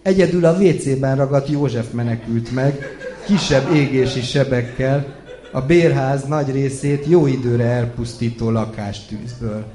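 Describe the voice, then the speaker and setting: A man reading a story aloud at a reading event, telling it in a lively way that moves between calm and loud. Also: medium pitch, crowd noise. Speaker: reader. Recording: echoey room.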